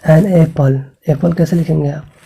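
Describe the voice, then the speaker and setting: A man's voice: a little high, steady tone, moderate pace, creaky, dark tone, breathy edge, rough recording. A man teaching an English grammar lesson to school students. He patiently spells out sounds, keeps checking in with the class, and asks questions that he then answers himself.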